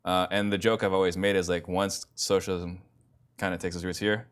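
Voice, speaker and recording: Deep-voiced man telling his story. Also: brisk, clean tone. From born in Italy, raised in Arizona. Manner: animated storytelling with acted quotes. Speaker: interview guest. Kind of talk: casual conversation.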